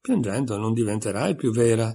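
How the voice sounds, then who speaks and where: A man's voice: fairly low pitch, expressive, normal speed, dark tone, breathy edge. A man reading aloud and voicing a smug, contrary little twin who talks in a teasing, scornful way.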